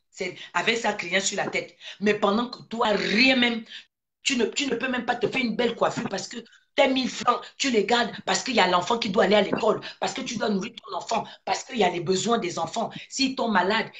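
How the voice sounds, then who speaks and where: Une femme originaire du Gabon qui prononce un discours politique passionné, martèle ses phrases et enchaîne les questions rhétoriques. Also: female voice, mid-range voice, a little fast, fairly bright tone, slight background noise. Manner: emphatic, repeats phrases, rhetorical questions. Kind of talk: impassioned political speech.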